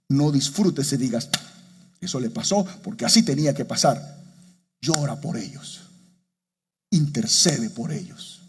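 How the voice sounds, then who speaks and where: A man preaching a sermon as pastor, addressing his congregation directly and building to impassioned, slowed-down exhortations. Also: slightly rough. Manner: impassioned preaching, rises high and slows for emotional quotes.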